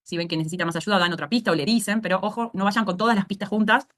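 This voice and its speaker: A woman with a Rioplatense accent teaching an online speech therapy course at a brisk, rapid pace. She explains each step patiently and keeps checking that her students follow along. Her pitch sits in a mid range for a woman. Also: a bit bright. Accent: Rioplatense Spanish. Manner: explanatory, asks "¿sí?" to check understanding.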